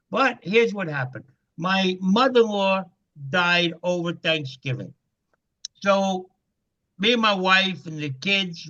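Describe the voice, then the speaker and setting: A man's voice: high voice, lo-fi sound. A man in his seventies telling a business testimony story, acting out the dialogue he recounts. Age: 70s. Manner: animated storyteller, acts out quoted dialogue. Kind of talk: testimony to a group call.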